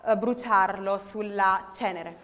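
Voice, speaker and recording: A woman's voice: medium pitch, takes it slowly, fairly bright tone. A woman interpreting a sermon phrase by phrase in a hall, often correcting herself mid-phrase. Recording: long hall reverb.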